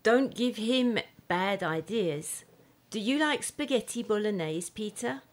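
A man putting on a kind mother who gently scolds. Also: high-pitched, lively intonation, slow pace, pitched above the performer's own voice. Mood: scolding.

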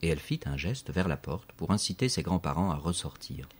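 Man, audiobook narrator, very low voice, husky, steady expressive reading. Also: fairly quick.

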